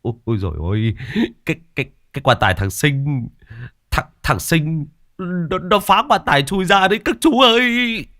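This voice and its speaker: A man's voice: a little high, expressive, moderate pace, pushed and bright, voice pushed up. A man stammering as frightened young villagers. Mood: terrified. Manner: stuttering, panicked.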